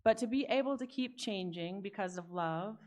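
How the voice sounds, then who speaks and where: A woman's voice: medium pitch, normal speed. A woman in her forties, a pastor preaching a sermon at a pulpit microphone in a church, reflective with chatty personal asides. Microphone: speaking at a pulpit microphone.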